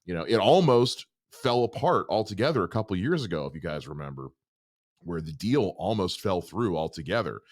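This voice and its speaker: Exasperated man ranting in a lively pitch. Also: a little fast. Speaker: host. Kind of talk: trailer reaction commentary.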